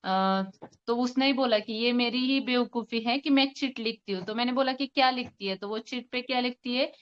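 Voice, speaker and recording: The audio is dull as a smooth, higher-voiced homeopathic doctor walks a forum through a case at a moderate pace. She relays the patient consultation by quoting both parties, with hesitant fillers along the way.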